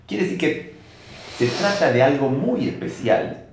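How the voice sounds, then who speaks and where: A man's voice: medium pitch, a little slow, heavy reverb, slight background noise. A man with an Argentine Spanish accent giving a religious lecture, telling stories and asking rhetorical questions as he teaches. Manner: storytelling with rhetorical questions, animated. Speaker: rabbi teaching a class.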